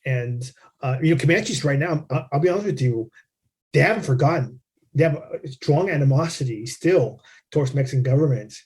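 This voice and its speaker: Mellow-voiced man, swearing, rambling. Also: a little high, lively intonation, a little fast. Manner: rambling, swears freely, keeps asking "right?". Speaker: podcast co-host. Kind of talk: casual conversation.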